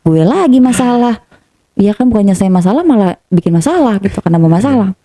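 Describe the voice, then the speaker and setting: A woman, a guest telling a story in lively casual talk and switching her voice for the people she quotes. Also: mid-range voice, very fast, no room sound. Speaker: interview guest.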